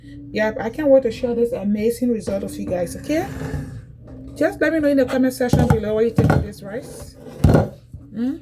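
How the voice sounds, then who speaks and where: A woman's voice: a little high, moderate pace, long pauses, very noisy. A woman from Liberia, casually demonstrating cooking in a home kitchen and chatting directly to her viewers, often repeating herself. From Liberia, West Africa. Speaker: cooking vlogger.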